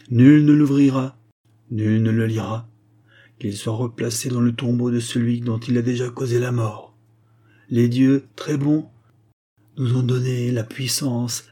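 A man's voice: mid-range voice, dark tone, slightly rough. A man playing a solemn commanding pharaoh. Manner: solemn proclamation. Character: old pharaoh, grave and commanding.

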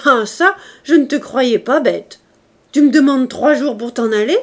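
A woman's voice: fairly high pitch, lively intonation, moderate pace. A woman reading an audiobook, voicing a harsh, contemptuous male police inspector who barks and scorns. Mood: scornful, shouting. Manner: barking, scornful, shouting.

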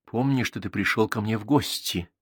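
A man's voice: on the low side, moderate pace, fairly bright tone, husky, dry recording, studio quality. A man reading an audiobook, voicing a bossy, playful thirteen-year-old girl who lectures. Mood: lecturing.

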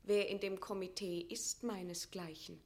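A woman's voice: medium pitch, fairly even intonation, moderate pace, natural voice. An actress playing a proud, defiant captive queen in a classical radio drama, declaiming formal verse in a stately, indignant manner. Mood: dignified, firm. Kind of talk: classical German stage drama radio acting.

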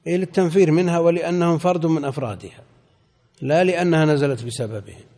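An older man delivers a measured scholarly commentary, his voice gravelly with a mellow, darker tone. He explains points slowly and corrects the reader as he teaches. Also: a little high. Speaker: sheikh commenting on a classical Quran commentary.

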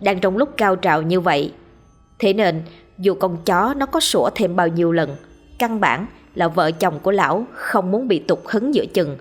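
A woman narrates a horror story with steady drama, her voice husky and set fairly low. Faint music plays softly behind her. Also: normal speed.

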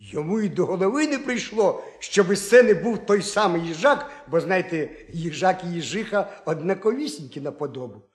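Man, storyteller, high voice, animated, expressive, roomy echo. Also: normal speed, hardly any pauses. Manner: lively, expressive. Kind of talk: folk tale narration for children.

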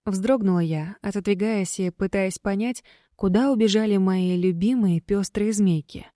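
A woman reading a fantasy novel aloud in measured, scripted narration. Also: medium pitch, warm tone, no echo, studio quality. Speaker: audiobook reader.

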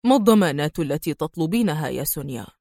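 A woman's voice: on the high side, fairly quick, dry recording, studio quality, lightly acted. A woman doing a cold, stern male spy. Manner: stern, clipped and icy. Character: cold steely male secret agent. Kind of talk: audiobook character voice.

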